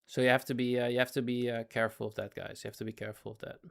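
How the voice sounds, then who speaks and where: A racing, creaky male voice of medium pitch and fairly bright tone stays level as this livestreamer narrates his trades casually. With his voice failing, he stops and starts, goes over the same points, and keeps asking chat to follow.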